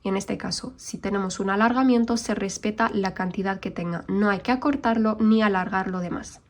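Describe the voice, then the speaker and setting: Woman, recitation teacher, patient explanations, mid-pitched voice. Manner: patient, explanatory, models Arabic sounds slowly. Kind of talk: online lesson.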